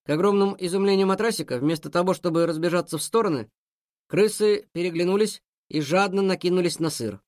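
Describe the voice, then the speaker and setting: A man narrating a children's story in a lively, expressive way. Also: sits high, fast, no room sound, clean studio sound.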